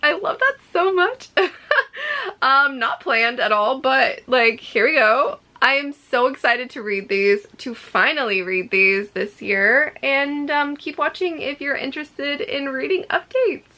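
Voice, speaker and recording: A woman with a fairly high, very bright voice that has a slightly froggy, allergy-affected edge. She talks to camera in a casual, effusive way, like an upbeat book reviewer on a vlog. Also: measured pace, few pauses. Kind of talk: casual chat to camera about books.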